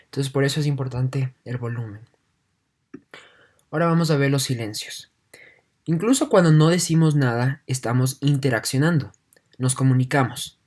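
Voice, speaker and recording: A man's voice: medium pitch, a little mellow. A male teacher giving an online class. He reads a passage aloud, then restates it in simple terms, often checking in with his listeners. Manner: leans heavily on "entonces" and checks in with "¿no?".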